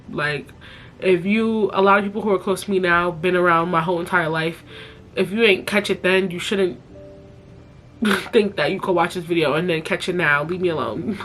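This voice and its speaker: A young woman talks straight into a close camera, her voice thick and stuffy from crying. She keeps her voice low but stays blunt and profane as she vents. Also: fairly even intonation, moderate pace, slight background noise. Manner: speaks softly while crying. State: tearful, stuffy nose. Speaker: influencer. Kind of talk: emotional confessional vlog.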